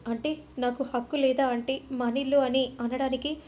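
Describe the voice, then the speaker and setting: A woman plays a young woman who pleads politely and sounds hurt. The voice is fairly high, with faint noise behind it. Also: flat delivery, normal speed, a little mellow, natural voice. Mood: pleading.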